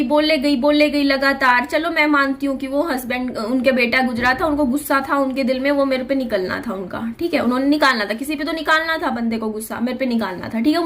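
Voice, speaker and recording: A woman's voice: high voice, a bit bright. A young woman vlogger telling a personal story in an earnest, confiding way, often repeating herself.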